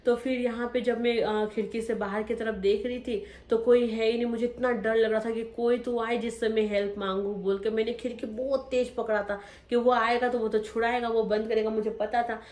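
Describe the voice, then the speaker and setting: A young woman tells her personal story straight to her viewers, emotional and vivid as she re-enacts each moment. Her voice sits a little high. The sound carries a roomy echo. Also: level tone, fairly quick, few pauses, darkish tone. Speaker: vlogger telling her life story.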